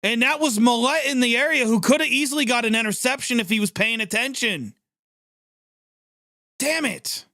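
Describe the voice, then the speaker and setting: A man hosting a live sports reaction stream, calling the plays as they happen in an excitable, chatty way and reacting quickly to each one. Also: very high voice, dry recording, clean studio sound. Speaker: livestream sports reaction host. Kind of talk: live play-by-play reaction commentary.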